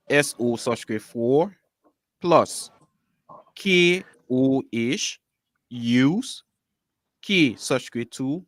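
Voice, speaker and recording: A man's voice: mid-range voice, a bit bright, no room sound. A man from Liberia moderating a quiz, announcing scores and questions in a firm, insistent way.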